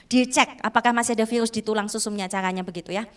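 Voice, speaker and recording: A woman's voice: a little high, steady tone, fast, fairly bright tone. A woman preacher with an Indonesian accent, telling a testimony in an emotional sermon and often calling out to her listeners. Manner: emotional storytelling, often addressing listeners as "saudaraku".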